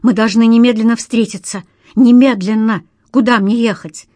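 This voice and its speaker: A woman reads out a hysterical young man in raised, shrill bursts, breathless and begging. The audiobook voice sits high and loud against a dry, close recording with no room around it. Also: fairly even intonation, moderate pace, dry recording, close to an everyday voice. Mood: panicked. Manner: shrieking, breathless, pleading. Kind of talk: audiobook character voice.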